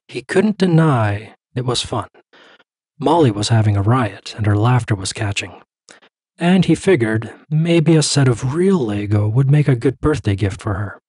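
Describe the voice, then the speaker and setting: A man narrating a contemporary fiction story in a measured, wry way. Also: mid-range voice, a little mellow, breathy edge, no room sound, rough recording.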